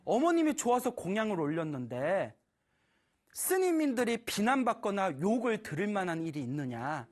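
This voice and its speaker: Lively, laughing Buddhist storyteller. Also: medium pitch, moderate pace. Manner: lively, animated, laughing often. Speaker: Buddhist preacher. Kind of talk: storytelling dharma talk. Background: audience laughter.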